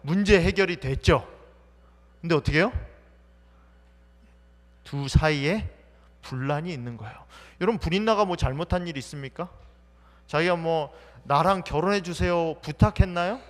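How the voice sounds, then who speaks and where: A man's voice: a little high, lively intonation, moderate pace, long pauses. A man pastor preaching a sermon, asking the congregation questions and answering them himself, acting out the people in the story. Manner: acts out quoted speech of the story's people. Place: church sanctuary. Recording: church hall reverb.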